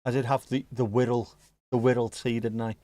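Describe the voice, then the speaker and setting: Brisk and dark-toned, this mid-range male voice shows little pitch movement in a dry recording. The speaker, a Liverpool-area man with a Scouse accent, hosts a livestream and chats casually, reacting to live chat with occasional jokes and swearing.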